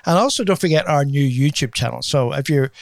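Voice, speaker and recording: A man's voice: medium pitch, animated, brisk, creaky, no room sound, studio quality. A man co-hosting a podcast in a conversational radio style. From Ireland or Britain. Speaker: podcast co-host.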